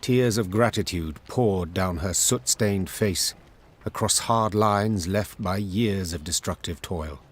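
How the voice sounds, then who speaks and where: Deep husky male storyteller, dramatic measured reads. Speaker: narrator. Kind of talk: scripted storybook narration.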